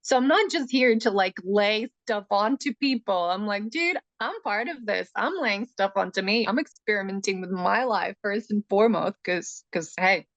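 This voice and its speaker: A woman born in Russia and raised in Montreal, talking as a neuroscientist guest in a casual podcast interview, animated and quick to laugh. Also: mid-range voice, dry recording, lo-fi sound. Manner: animated, laughs often, chatty with fillers.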